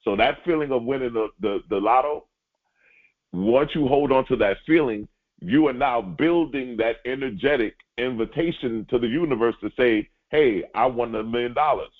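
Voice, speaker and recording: A man giving a spiritual teaching, speaking directly to his listeners and repeating key lines slowly for emphasis. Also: mid-range voice. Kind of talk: sermon-like teaching. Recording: tinny phone-like line.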